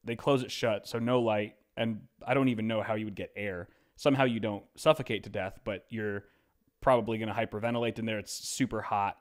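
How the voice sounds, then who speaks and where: A man's voice: lowish voice, steady tone, brisk. A man co-hosting a podcast, telling stories in a loose, rambling way full of fillers. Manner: rambling, filler-heavy storytelling. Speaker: podcast co-host. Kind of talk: casual chat.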